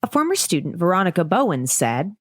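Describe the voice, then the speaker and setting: A woman's voice: on the low side, very animated, a little fast, dry recording, studio quality. Woman co-host telling a true-crime story. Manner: casual, jokey asides between scripted reading. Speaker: podcast co-host.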